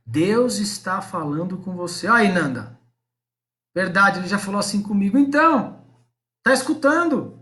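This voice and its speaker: Male pastor, high voice, live-streamed sermon, talks straight to the viewers. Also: animated, normal speed, pushed and bright. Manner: preaching, addresses viewers and congregation directly.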